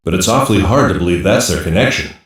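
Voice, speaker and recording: A low-voiced, gruff special-ops cyborg soldier delivers blunt, slangy, sardonic quips in English-dub anime voice lines. In a musing mood, he talks fast with lively intonation, and the sound is distant from the mic and drenched in echo.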